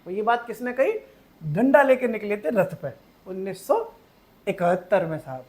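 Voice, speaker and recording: A man teaching an online exam-prep lecture. He talks in a playful storytelling way, uses memory tricks, keeps checking whether the class is following, and swings between loud emphasis and quiet asides. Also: high-pitched, animated, moderate pace.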